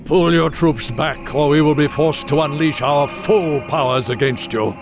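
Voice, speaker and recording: Elderly archmage: unhurried, stern, dignified, grave delivery, video game drama with music behind. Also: male voice, on the high side. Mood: stern warning. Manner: measured, grave. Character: dignified old wizard, stern and disapproving.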